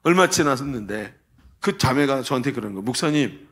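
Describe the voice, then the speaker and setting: Male preacher, high voice, big swings in pitch; animated, emphatic storytelling at a church service. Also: a little fast. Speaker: pastor. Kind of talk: sermon.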